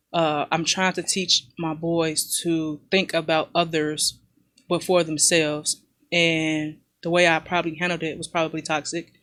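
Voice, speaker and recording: A man with a notably high-pitched voice talks in a casual podcast chat. He speaks candidly and reflectively and shares his thoughts at an unhurried pace. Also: pushed and bright. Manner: reflective, candid talk about parenting. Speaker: podcast co-host.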